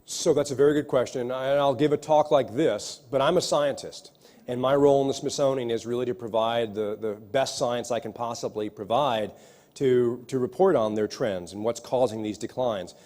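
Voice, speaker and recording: A man's voice: mid-range voice, moderate pace, darkish tone. A man, an ecologist, answering audience questions after a lecture in an earnest way, often restarting his sentences. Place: lecture hall.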